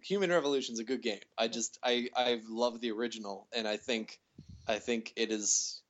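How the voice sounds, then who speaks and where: A man's voice: medium pitch, normal speed, fairly bright tone. A man in his mid-twenties, chatting as a podcast co-host, often restarting his sentences and laughing. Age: 20s. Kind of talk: casual chat. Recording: dull lo-fi recording.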